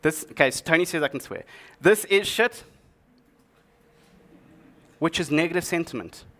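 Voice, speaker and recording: A man presenting a tech talk on stage, speaking in a slightly higher register. His delivery is jokey and lively, mixing quips into the presentation. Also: fast talker. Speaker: conference speaker. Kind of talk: humorous tech conference talk.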